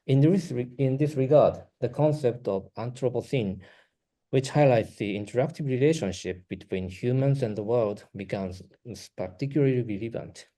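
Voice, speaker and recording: A Japanese researcher, a man whose native tongue is Japanese, delivers a prepared academic talk in a Japanese accent. He reads carefully, pausing briefly, in a warm, medium-pitched voice.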